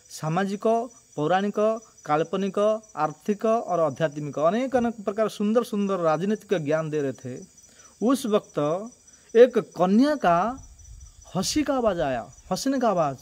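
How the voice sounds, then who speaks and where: A man with a high voice tells a devotional story in an earnest way, repeating phrases for emphasis. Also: expressive, measured pace, a little mellow.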